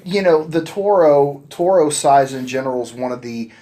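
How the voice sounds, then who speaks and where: Thirties male podcast co-host, relaxed and casual, stumbles and restarts often. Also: on the high side, moderate pace. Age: 30s. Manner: relaxed, hesitant with many restarts. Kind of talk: casual chat.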